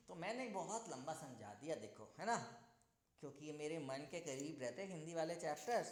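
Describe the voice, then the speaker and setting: A male teacher giving a Hindi grammar lesson, patiently sounding out letters slowly and clearly and explaining them with everyday examples. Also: high-pitched, a bit bright, reverberant, a little hiss or hum.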